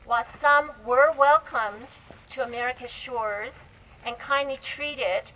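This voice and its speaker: Speaking on a live panel, a woman historian and researcher offers an informal history explanation, halting frequently to correct herself. Her voice sits on the high side, pushed and bright, picked up by an event mic with poor audio and a faint background hum of noise.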